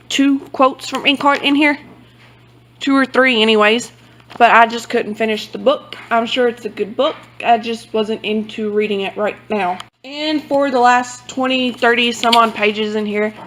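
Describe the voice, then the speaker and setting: A book vlogger presents her book journal in a loose, chatty show-and-tell, rambling and often stopping to correct herself. Her voice is on the high side and a bit bright, and the recording is rough.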